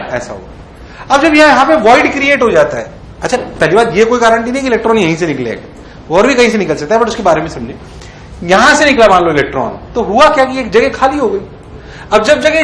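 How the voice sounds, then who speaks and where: A man lecturing on physics in a lively way, often asking the class if it is clear. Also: high-pitched. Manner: acts out electrons in playful voices. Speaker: physics teacher. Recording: echoey classroom.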